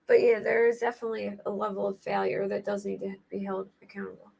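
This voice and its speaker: A woman's voice: medium pitch, little pitch movement, quick pace, creaky, a little mellow, husky. A woman with an American accent and a scratchy voice, hosting a casual livestream and rambling informally as she thinks aloud. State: scratchy voice today. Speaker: livestream host commenting on true crime cases. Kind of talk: casual livestream chat commentary.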